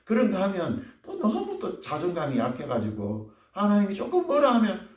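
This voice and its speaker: A man's voice: sits high, huge pitch swings, normal speed, a little mellow. A man preaching a sermon as pastor, acting out the voices of people he quotes. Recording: echoey room, voice from a distance.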